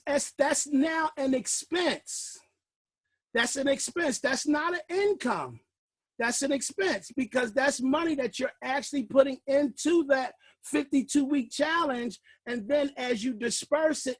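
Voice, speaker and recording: A fiery, preacher-like man with a high voice leads a class, booming out lines, then dropping to a low murmur. He sounds short of breath. The sound is close and dry, with no room around it. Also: no room sound. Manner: fiery preacher-like delivery, swinging from loud shouts to low murmurs. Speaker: class leader. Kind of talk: motivational teaching call. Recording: recorded call.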